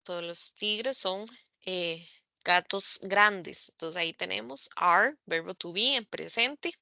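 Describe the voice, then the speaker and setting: In an online meeting recording with no room sound, a woman teaches English grammar, speaking slowly and carefully, spelling out letters and repeating examples. Her mid-range voice is creaky and bright, with a forceful tone.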